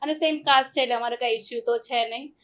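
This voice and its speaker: A young adult woman, a podcast guest, telling her story in a casual and animated way and acting out the dialogue she quotes. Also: on the high side, fast.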